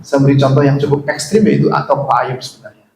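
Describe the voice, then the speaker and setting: A man's voice: mid-range voice, fairly even intonation, quick pace, creaky, a little mellow. A man preaching a sermon as pastor, joking and putting questions to his congregation. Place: church hall. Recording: echoey church hall.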